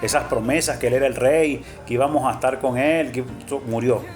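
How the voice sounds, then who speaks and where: A man's voice: mid-range voice, fairly even intonation, a little fast. A man preaching an earnest storytelling sermon, emphatic and fond of repeating his phrases. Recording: faint background music.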